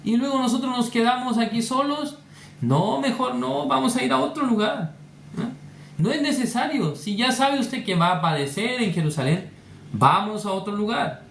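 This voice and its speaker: A man's voice: expressive, normal speed, vocal fry, full character voice. A preacher putting on the voice of the apostle Peter, an anxious grown man coaxing his teacher to avoid danger. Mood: pleading. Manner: pleading, coaxing, slightly higher. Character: apostle Peter, eager worried adult man pleading. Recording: roomy echo.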